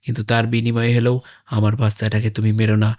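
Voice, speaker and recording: A man's voice: lowish voice, monotone, quick pace, lightly acted. A man voicing a brave, defiant father in a cartoon who stands up to a gang. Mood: worried. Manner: forceful, pleading when cornered. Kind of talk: animated game-parody voice acting.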